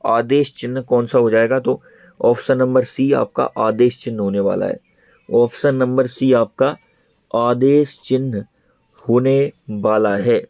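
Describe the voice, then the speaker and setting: A man's voice: medium pitch, a little slow, creaky, dry recording. Man teaching an exam prep class. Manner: repeats answers, steady explaining. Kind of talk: online lesson.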